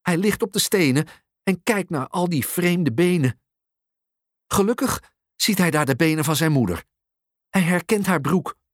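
An expressive storyteller reading a children's picture book aloud at an unhurried pace. The voice moves lively through the pitch range. The recording is close and dry. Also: no room sound.

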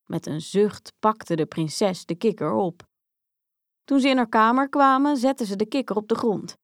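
A woman reading a children's fairy tale aloud in a lively, expressive way. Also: on the high side, measured pace, dry recording, studio quality. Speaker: storyteller. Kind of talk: storybook read-aloud.

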